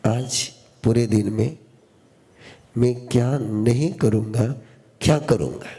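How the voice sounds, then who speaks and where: Slow gravelly male spiritual teacher. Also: mid-range voice, mellow. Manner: slow, repetitive call-and-response teaching, quizzing listeners. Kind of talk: sermon to a live audience.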